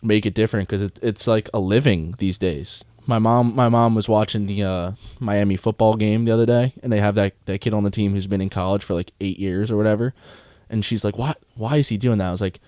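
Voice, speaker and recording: A young man with a smooth, resonant, slightly low voice chats about college sports. He gets animated, swears casually and drops into anecdotes, heard dry and close. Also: a little fast, dry recording. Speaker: podcast co-host.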